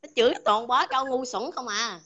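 A woman's voice: fairly high pitch, brisk, bright, forceful tone. A woman chatting on a livestream in a casual, mocking way.

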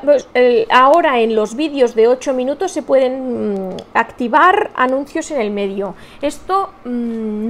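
A middle-aged woman from Spain, a crochet channel host with a Spanish accent, rambling cheerfully in a casual live chat and reading viewers' comments aloud. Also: sits high. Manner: chatty, rambling, self-mocking, reads viewer comments aloud.

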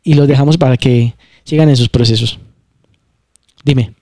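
A man hosts a casual spiritual talk. He explains emphatically, circling back to repeat his points. His voice is mellow and the sound is dry, with no room around it. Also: medium pitch, steady tone, normal speed, no echo. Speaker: channel host.

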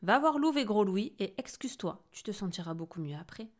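A woman's voice: medium pitch, animated, fairly quick, lightly acted. A woman voicing a kind yeti friend. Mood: comforting. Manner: comforting, gently firm.

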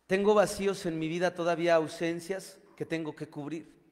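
A man's voice: fairly high pitch, fairly even intonation, moderate pace, a little mellow, big-room sound. A man with a Mexican accent sharing his recovery testimony with his group, using crude slang and calling his listeners compañeros.

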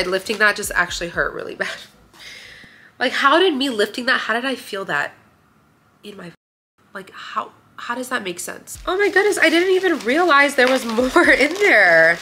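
Filming a laid-back haul in a sunny indoor living room, this young adult Romanian vlogger talks to her audience with a fairly high, pushed, bright voice. She's chatty and effusive, full of fillers and lots of "like," with slight background noise in the recording.

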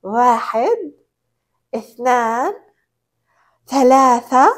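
A young woman presenting to small children, teaching simple words as if reading to a toddler, in an exaggerated, encouraging sing-song with drawn-out repeats. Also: high-pitched, lively intonation. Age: young adult. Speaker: presenter of a children's learning show. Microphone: clip-on lapel mic.

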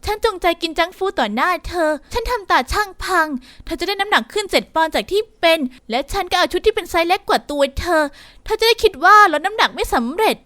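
A woman voicing a guilty teenage younger sister in an animated story, confessing in a remorseful way. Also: extremely high pitch, fast, no room sound, heavily acted.

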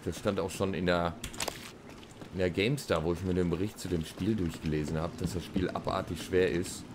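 Deep-voiced rambling male gamer. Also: steady tone, fairly quick. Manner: rambling, repeats himself. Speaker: let's play host. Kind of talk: casual gameplay commentary. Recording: clearly noisy with game ambience.

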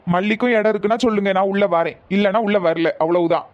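Someone doing a stubborn young village man, quick and curt. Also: mid-range voice, fairly even intonation, dry recording, muffled recording, pitched below the performer's own voice, natural voice. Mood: defiant. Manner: firm, curt. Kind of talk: cartoon voice acting.

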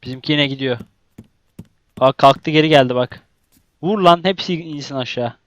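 A young man giving casual let's-play commentary, excitable, exclaiming and grumbling at the game. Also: on the high side, moderate pace, dry recording, dull audio. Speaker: gaming YouTuber.

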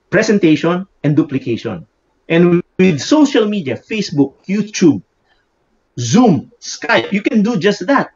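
A man in his fifties on a video call, talking animatedly and often ending points with a questioning "no?". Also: high-pitched. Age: 50s. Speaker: guest speaker. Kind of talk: casual video-call interview. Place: indoor room with bookshelves. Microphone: earphone mic on video call. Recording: dull lo-fi video call audio.

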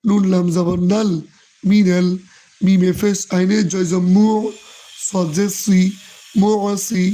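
A hoarse Quran teacher who drills the reading syllable by syllable and explains tajweed rules. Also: medium pitch, level tone, slow pace, mellow. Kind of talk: slow Quran reading lesson, spelling out letters and vowels.

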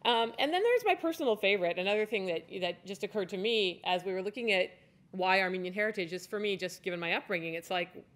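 A woman's voice: medium pitch, fast. A woman in her forties giving a conference talk at a podium on a stage, chatty and loose, with restarts and fillers. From United States. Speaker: conference speaker. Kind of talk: conference presentation. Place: stage in a large hall. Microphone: podium mic.

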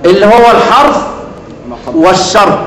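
High-voiced Egyptian teacher in an echoey hall. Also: male voice, normal speed, a bit bright. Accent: Egyptian Arabic. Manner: asks students leading questions, then answers them. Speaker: Quran recitation teacher. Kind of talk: classroom lesson. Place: lecture hall.

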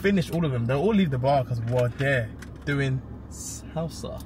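A man's voice: mid-range voice, animated, moderate pace, music in the background. A man from London with a London accent, chatting playfully and boasting in a casual vlog.

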